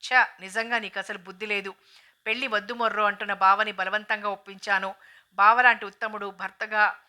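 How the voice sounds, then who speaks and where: A woman's voice: medium pitch, sharp tone. A woman reading the lines of an outspoken, affectionate young sister-in-law who scolds and teases.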